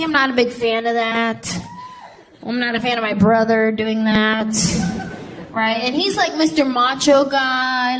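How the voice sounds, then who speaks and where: A young woman performing a stand-up comedy set, telling stories in an animated way and shouting out voices. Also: a little high, low-quality recording. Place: comedy stage before a laughing audience. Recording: live stage audio with crowd noise.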